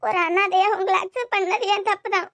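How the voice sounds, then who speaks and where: A woman's voice: extremely high pitch, fairly even intonation, a little fast, a bit bright, no room sound, clean studio sound. A woman voicing a young wife in a cartoon series, crying and accusing her husband. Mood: distraught. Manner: crying, pleading, reproachful. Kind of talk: cartoon web series voice acting.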